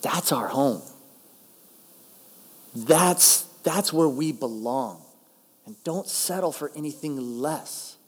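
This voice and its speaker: A man delivers a sermon in a chatty, emphatic way, slowing down to drive home key phrases. His voice sits a little high for a man. Long reverb from a large church hall trails each phrase. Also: expressive, husky. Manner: conversational, emphatic, slows down to stress key phrases. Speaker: pastor.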